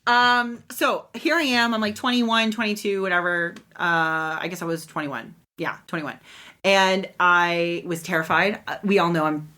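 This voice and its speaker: Chatty woman telling a lively story. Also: lowish voice, moderate pace. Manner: animated storyteller, acts out quoted voices. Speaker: podcast co-host. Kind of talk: casual storytelling chat.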